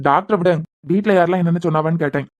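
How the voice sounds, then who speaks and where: A woman's voice: on the low side, close to an everyday voice. A woman voicing a blunt, teasing young husband with a Kanyakumari accent. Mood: probing. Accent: Kanyakumari Tamil. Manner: blunt, teasing, quick talk. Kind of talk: cartoon voice acting.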